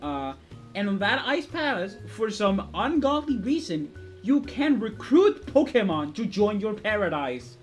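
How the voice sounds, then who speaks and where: A young man talks in a high, youthful voice that could pass for a woman's. He rambles passionately and swears freely in a casual gaming chat, with music underneath. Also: big pitch swings, measured pace. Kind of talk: casual chat about video games. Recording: background music behind the voice.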